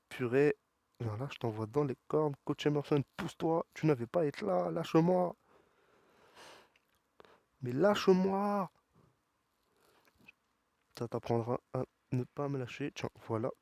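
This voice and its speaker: A man's voice: mid-range voice, dry recording. Guy doing let's play commentary, gets worked up at the game, dry sound. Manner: excitable, talks back to the game characters. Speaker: gaming YouTuber.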